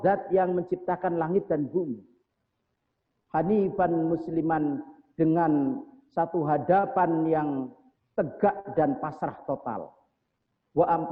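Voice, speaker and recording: Pendakwah pria, gema masjid, suara tipis. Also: male voice, fairly high pitch. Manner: explains slowly, chants Arabic prayers then translates. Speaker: preacher. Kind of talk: mosque sermon. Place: mosque hall. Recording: echoey mosque hall over tinny phone-like sound.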